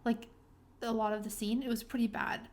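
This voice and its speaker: A chatty young woman in her twenties, co-hosting a podcast and spinning dating stories. Her voice sits a little high, and she swears freely and acts out what people said. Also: level tone, normal speed, a little mellow. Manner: storytelling, swearing, acting out quoted dialogue. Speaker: podcast co-host. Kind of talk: casual chat.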